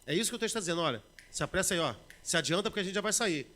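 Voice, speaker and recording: A Brazilian man preaching a sermon, swinging between loud bursts and low murmurs, and acting out everyday quotes in conversational asides. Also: lively intonation, rapid-fire.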